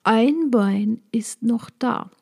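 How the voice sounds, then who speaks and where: A woman voicing a huge female dragonfly who speaks calmly, softly and condescendingly, often half whispered. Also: a little high, extremely slow, creaky, slightly rough, heavily acted. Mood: cool lecturing. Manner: calm, soft, condescending, partly whispered.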